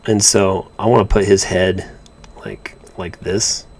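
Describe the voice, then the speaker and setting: A man's voice: sits low, fairly even intonation, a little slow, breathy edge. A man co-hosting a live drawing stream, chatting casually as he works, rambling and stumbling over his words. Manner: rambling, repeats words and restarts often. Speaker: comic artist co-host. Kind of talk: casual chat while drawing on a livestream.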